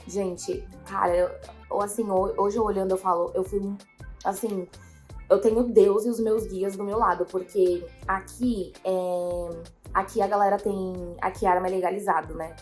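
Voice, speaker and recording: A woman's voice: mid-range voice, steady tone, normal speed, a little mellow, soft background music. A young woman, telling a story to her viewers in a rambling way, full of fillers and quotes of herself. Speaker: vlogger.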